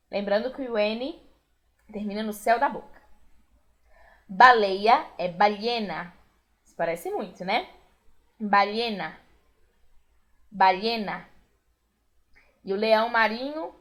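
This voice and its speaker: Her voice sits a little high as she, a woman with a Brazilian Portuguese accent, runs a recorded Spanish lesson. She patiently and clearly repeats each word.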